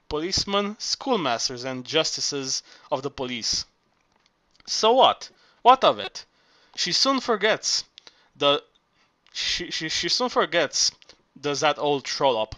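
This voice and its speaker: A man's voice: on the high side, sharp tone, dry recording, full character voice. A man reading the part of an earthy, exuberant old Greek workman who talks in an expansive, lusty way.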